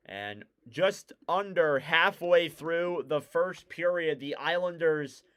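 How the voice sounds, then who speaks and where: A man calls a hockey game live as a fan commentator, in a smooth, crisp voice that sits a little high for a man. His tone stays relaxed and chatty, and he pushes up in energy when the action picks up. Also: slow pace. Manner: casual, rising excitement on big plays. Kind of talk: play-by-play commentary.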